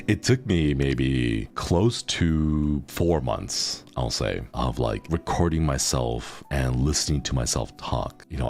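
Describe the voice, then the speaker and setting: A man in his thirties chatting casually on a livestream, rambling along with lots of "like" fillers. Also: very deep voice. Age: 30s. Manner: relaxed rambling with frequent "like" fillers. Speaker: streamer.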